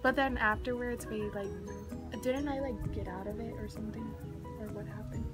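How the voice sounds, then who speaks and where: A young woman chats informally in a girlish, fairly high voice. She is outdoors, with loud music behind her. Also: fairly even intonation, moderate pace. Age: young adult. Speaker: friend in a tag challenge. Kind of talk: casual chat. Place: outdoors against a wall.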